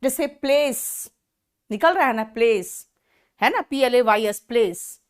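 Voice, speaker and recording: A woman teaching an online English class, explaining slowly in Hindi mixed with English and praising students by name. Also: on the high side, lively intonation.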